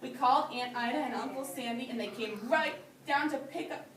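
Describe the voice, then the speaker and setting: A woman who teaches preschool or early grades speaks in a high, fairly bright voice, a little fast, while reading a storybook to young children indoors. She goes over it with them patiently and simply, saying their answers back. The recording is distant phone video, roomy and noisy, from a phone or camera across the room.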